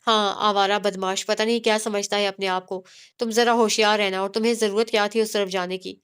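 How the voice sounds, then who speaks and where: A woman's voice: medium pitch, flat delivery, fairly bright tone, clear, resonant tone, lightly acted. Woman voicing a possessive, scornful young man. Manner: scornful, commanding. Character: young male cousin, possessive and short-tempered.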